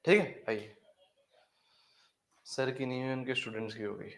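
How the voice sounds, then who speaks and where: A man's voice: medium pitch, steady tone, moderate pace, gravelly, a bit bright. A man teaching a chemistry class online, calling the students "beta" and repeating each phrase to drive it home. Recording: echoey room.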